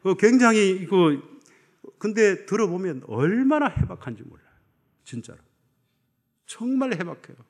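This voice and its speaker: A middle-aged man from Chungcheong preaching a sermon as a pastor, building to loud emphatic peaks and dropping to low, soft asides. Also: sing-song, normal speed, long pauses. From Chungcheong, Korea.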